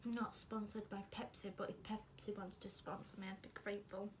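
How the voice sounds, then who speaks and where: A woman's voice: medium pitch, little pitch movement, brisk, slight background noise. A British woman chatting casually while tasting snacks, talking between bites and teasing herself. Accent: British English. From United Kingdom. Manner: chatty, eating while talking, self-mocking. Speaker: vlogger.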